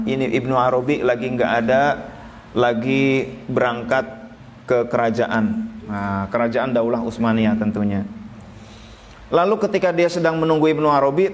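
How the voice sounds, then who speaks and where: A man from Indonesia preaching a sermon, telling a story and acting out its characters, then reading Arabic text and translating it. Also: medium pitch. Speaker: Islamic preacher.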